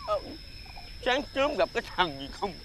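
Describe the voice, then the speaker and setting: A man's voice: very high voice, huge pitch swings, moderate pace, a bit bright, a little hiss or hum. A man acting in a television folk-tale drama as a market seller who stammers and repeats his words.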